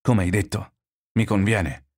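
A man voicing an angry, scornful male bank clerk who shouts and taunts in a story reading. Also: fairly low pitch, a little slow.

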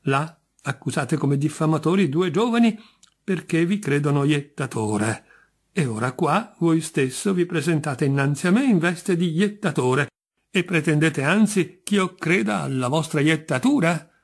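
A man's voice: fairly high pitch, lively intonation, a little slow, pitched above the performer's own voice. Patient, puzzled judge, voiced by a man reading. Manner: patient, mildly coaxing. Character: patient, bemused middle-aged male judge.

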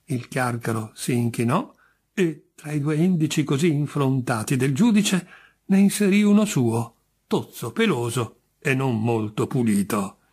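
A man's voice: mid-range voice, measured pace, a little mellow, husky. Man reading a story expressively. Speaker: narrator.

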